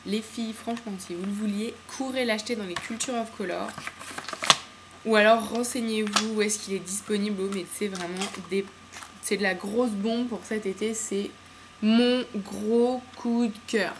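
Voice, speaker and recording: A woman's voice: medium pitch, fairly even intonation, normal speed, noisy background. Chatty woman gushing about polish. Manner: chatty and enthusiastic, many fillers and slang. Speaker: beauty vlogger. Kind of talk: casual nail polish haul chat. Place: home room with windows open to the street.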